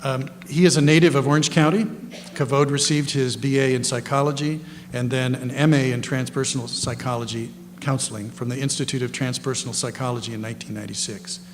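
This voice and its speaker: In an echoey hall, a man with a mid-range voice hosts a lecture and introduces the guest panelists, reading partly from notes. He rambles, corrects himself, and drops folksy asides. Hum and background noise are clearly audible.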